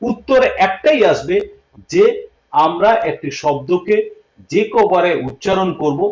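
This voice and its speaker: Guy teaching english on a livestream, high voice, keeps asking if it's clear, dull muffled sound. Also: a little mellow. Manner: repeats points, checks understanding with questions. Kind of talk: livestream lesson. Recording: echoey room, dull lo-fi sound.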